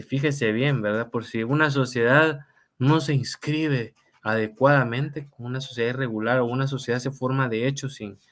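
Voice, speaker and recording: Man, middle-aged, law lecturer, mid-pitched voice, chatty explanations, computer mic. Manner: conversational, explanatory, with frequent fillers and tag questions. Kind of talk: online law class lecture.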